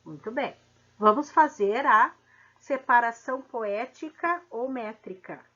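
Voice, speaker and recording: Slow-speaking woman teacher, muffled recording. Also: a little high, sharp tone. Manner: slow, drawn-out syllable counting with frequent "tá?". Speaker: literature teacher. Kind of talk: recorded classroom lesson.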